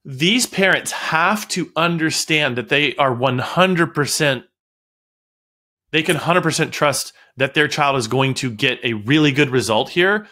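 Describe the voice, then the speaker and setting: A man on a podcast telling relaxed stories about teaching in his music studio, often wandering off topic and laughing. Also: fairly high pitch, unhurried. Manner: storytelling, digresses and laughs. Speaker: guest, music studio owner. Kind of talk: casual podcast conversation.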